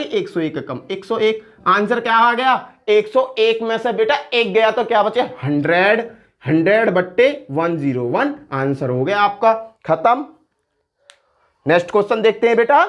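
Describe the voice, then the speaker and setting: A man's voice: sits high, a bit bright. A man teaching an exam-prep math lesson, walking through sums step by step and coaxing students as "beta" with confident encouragement.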